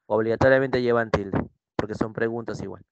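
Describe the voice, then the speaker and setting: A man's voice: fairly low pitch, steady tone, fairly quick, no room sound, highs cut off. A young male pre-university language teacher with a Peruvian Spanish accent, lecturing an online class and repeatedly checking in with students. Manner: repetitive, checks in with students using "¿sí?".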